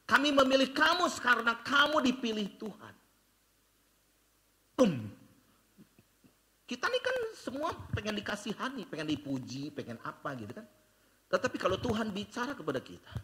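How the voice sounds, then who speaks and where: Older male pastor with a bright, lively voice. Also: moderate pace, long pauses, a little hiss or hum. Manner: switches between loud bursts and hushed low passages; mixes in English phrases, storytelling. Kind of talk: sermon.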